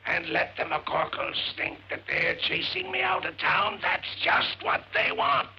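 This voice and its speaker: An actor playing a cranky older uncle in a 1940s film, who has lost his voice and croaks hoarsely through his lines. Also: fairly high pitch, huge pitch swings, a little slow, exaggerated voice. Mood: gruff, grumbling. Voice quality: croaky, gravelly. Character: gruff older man, hoarse, feuding and cranky. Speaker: irritable rich uncle. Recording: muffled old film soundtrack.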